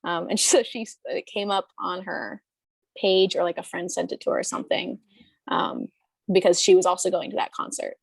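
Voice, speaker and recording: A woman's voice: fairly low pitch, steady tone, normal speed, gravelly, slightly rough, dry recording. A woman in her early twenties, talking casually as an interview guest, rambling with lots of fillers and restarts. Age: 20s. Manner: rambling, hesitant, many fillers and restarts, laughs often.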